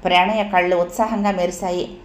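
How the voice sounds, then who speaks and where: A woman's voice: on the low side, fairly even intonation, moderate pace. Woman reading a story, echoey room. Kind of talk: reading a serial story aloud.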